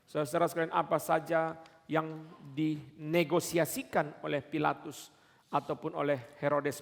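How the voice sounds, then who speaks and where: A man preaches with insistent emphasis, hammering key words again and again and rising into shouts. His voice is fairly high and gravelly. The sound carries the long reverb of a church sanctuary. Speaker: pastor. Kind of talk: sermon. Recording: echoey church hall.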